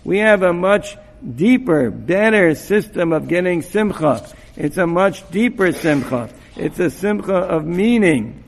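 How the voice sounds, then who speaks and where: A man giving an informal Torah talk to students, halting with many restarts and repeated words, and peppering his speech with Hebrew and Yiddish terms. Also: high-pitched, expressive, creaky, big-room sound. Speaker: rabbi giving a mussar talk.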